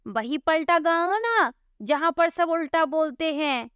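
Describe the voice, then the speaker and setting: A woman's voice: high-pitched, animated, slow pace, fairly bright tone, no echo, pitched above the performer's own voice, heavily acted. A woman voicing an impatient village police constable who scolds and questions people in a storybook tale. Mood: exasperated. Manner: scolding, exasperated. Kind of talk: storybook voice acting.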